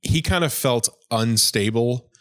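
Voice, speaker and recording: A man's voice: mid-range voice, measured pace, no echo, studio quality. A young man co-hosting a film podcast, easygoing and chatty with many fillers. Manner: easygoing, filler-heavy, laughs often. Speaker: podcast co-host. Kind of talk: casual film discussion.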